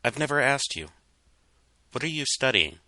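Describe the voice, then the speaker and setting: A man's voice: mid-range voice, very animated, normal speed, sharp tone, dry recording, pitched above the performer's own voice. A man playing a melancholy, plain-spoken male pony who runs a doughnut shop, in a storybook reading. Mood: downcast, forcing cheer.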